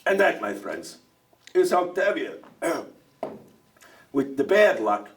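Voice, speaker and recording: A garrulous older dairyman, fresh off the boat from Russia,in a stage monologue. His fairly high voice leaps up and down as he jokes, stumbles over his words and fires questions back. It carries from a distance, as if heard across a theater stage. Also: very animated, slow, a little hiss or hum. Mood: chatty. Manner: talkative, joking, stammers and asks back. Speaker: stage actor in a one-man show.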